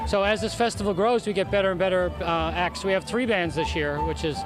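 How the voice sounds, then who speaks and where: A man's voice: high voice, a little fast, low-quality recording. A man giving unscripted interview remarks outdoors as an event organizer. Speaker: festival organizer being interviewed. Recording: outdoor interview with music behind.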